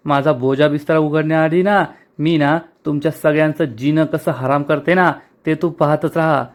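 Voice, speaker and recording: A man's voice: a little high, steady tone, moderate pace, natural voice. A man voicing a bossy, angry older mother-in-law who scolds and threatens. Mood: furious.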